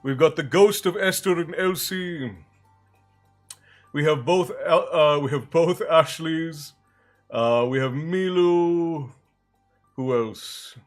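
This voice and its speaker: Soft music plays as a livestream host with a voice on the high side talks slowly, leaving long pauses, while joking casually and greeting viewers by name. He's still a bit congested. A slight chesty cough comes through now and then.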